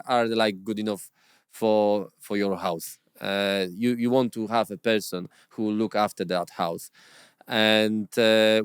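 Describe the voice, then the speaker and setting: In studio-quality audio with no echo, a man with a lowish, clear, resonant voice recounts his experience as a property investor. He's the interview guest, and his non-native English stops and restarts often, padded with fillers.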